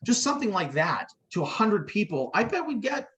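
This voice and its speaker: A man hosting a training call. He talks quickly and with energy, in a loose, conversational way. His voice sits a little high for a man. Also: sing-song, a bit bright. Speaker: training session host. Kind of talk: casual training talk.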